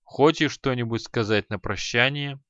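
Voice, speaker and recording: A man voicing a calm, winged male demon of death who speaks in a dry, matter-of-fact way, on a dull, dry audiobook recording. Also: mid-range voice, moderate pace, smooth, no echo, natural voice.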